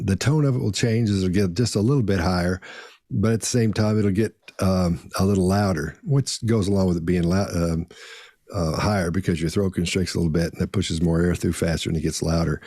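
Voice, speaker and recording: Guy running a panel chat, talks super fast, kinda low dark voice. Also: husky, no echo, clean studio sound. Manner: very fast talker; leads with questions to other panelists. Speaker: panel moderator. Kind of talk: casual panel discussion.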